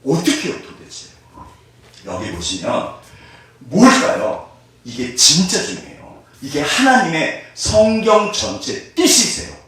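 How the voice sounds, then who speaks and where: This man preaches with energy, frequently questioning his congregation. His pitch sits a little high and his pace is measured. The recording is distant and echoey.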